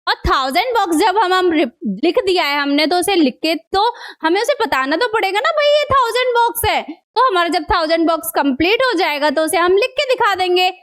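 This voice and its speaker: A woman with a very high voice teaches a math lesson in a coaxing classroom manner. She keeps asking her students the same questions again and again. She slows right down to spell out each number. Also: expressive, a bit bright.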